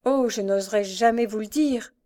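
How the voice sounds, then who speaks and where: A woman's voice: a little high, moderate pace, mellow, natural voice. A woman voicing a desperate, tormented young woman thief with pleading, impassioned outbursts. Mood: anguished.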